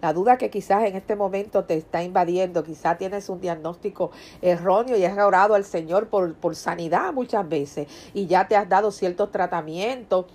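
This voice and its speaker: A woman's voice: fairly low pitch, moderate pace, hardly any pauses, darkish tone. A woman reads a Bible passage and then reflects on it earnestly, speaking directly to the listener and repeating phrases for emphasis. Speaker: devotional preacher. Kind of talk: devotional Bible reading and reflection.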